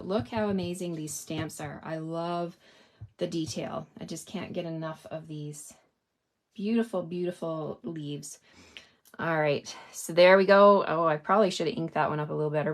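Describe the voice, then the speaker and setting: Upbeat woman chatting through a craft demo. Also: low voice. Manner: chatty, upbeat, talks straight to viewers. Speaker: craft demonstrator. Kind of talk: live stamping tutorial.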